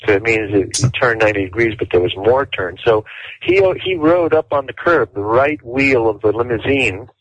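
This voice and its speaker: A male interview guest explaining in detail and at a deliberate pace, with frequent fillers. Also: medium pitch, a bit bright, no echo. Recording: dull dry lo-fi audio.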